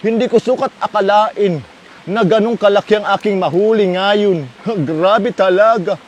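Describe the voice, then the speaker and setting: A man giving chatty, playful live commentary while fishing outdoors by a stream, laughing often and shouting with excitement when a fish bites. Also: high-pitched, a little slow. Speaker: fishing livestreamer.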